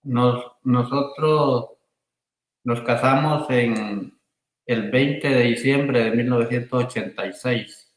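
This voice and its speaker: A man pastor from Honduras answering interview questions in a halting, deliberate way, pausing as he recalls dates. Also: medium pitch. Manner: halting and deliberate, with long pauses. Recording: echoey room.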